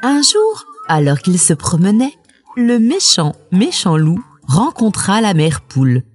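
A woman reading a children's storybook aloud, expressive and unhurried. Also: mid-range voice, a little hiss or hum.

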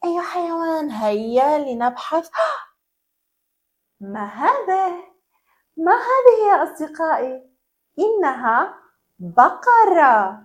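A young woman teaching small children in an animated, sing-song way, imitating animal sounds. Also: high voice, slow, long pauses. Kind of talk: children's educational lesson.

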